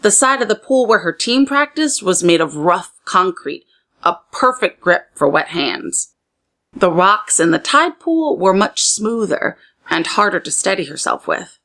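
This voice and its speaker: A woman with a medium-pitched voice reads a children's story aloud as a storyteller. Her phrasing is expressive and deliberate, pitched for young listeners.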